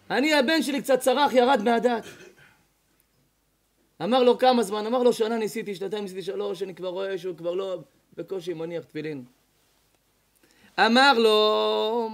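High-voiced rabbi telling a dramatic story. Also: male voice. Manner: dramatic, voicing characters in the tales with big swings in loudness. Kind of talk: storytelling sermon. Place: evening lecture before an audience.

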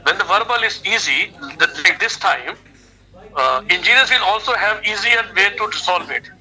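In this explanatory interview over a phone video call, heard on a phone speaker, a middle-aged education adviser with an Indian accent speaks emphatically as the expert guest. His high-pitched, sharp voice has lively intonation at a normal speed, though the audio is poor.

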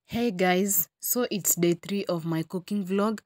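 A woman's voice: medium pitch, unhurried, a little mellow, no room sound, studio quality, soft background music. A young woman with a Kenyan accent, chatting casually to viewers as she cooks in a small home kitchen, dropping in Swahili words. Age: young adult. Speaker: cooking vlogger. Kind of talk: casual cooking vlog chat. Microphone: phone camera at arm's length.

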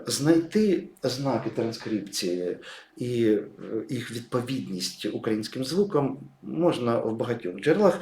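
Man, English teacher, patient explaining, animated intonation, echoey room. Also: mid-range voice, slight background noise. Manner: patient, explanatory, stresses example words. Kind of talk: explaining pronunciation at a whiteboard.

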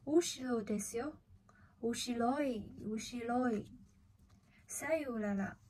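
A woman doing a gentle grandmother. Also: a little high, slow, slight background noise. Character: gentle kindly grandmother ghost.

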